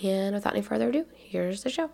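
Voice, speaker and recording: A woman's voice: mid-range voice, lively intonation, quick pace, gravelly. A woman in her twenties with a Southern accent, hosting a casual podcast, chatty and full of ums and likes. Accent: Southern American. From Tennessee. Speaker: podcast host.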